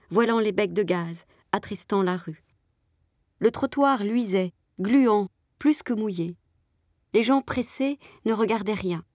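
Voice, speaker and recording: A woman reading a literary story aloud in a measured, expressive way. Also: mid-range voice, no room sound, clean studio sound. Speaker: audiobook reader.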